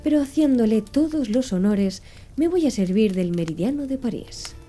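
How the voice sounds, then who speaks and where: A woman's voice: fairly high pitch, lively intonation, moderate pace, mellow, soft background music, lightly acted. Captain Nemo, a cool formal sea captain, as a woman puts him on. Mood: composed, formal. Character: aloof, courteous male submarine captain.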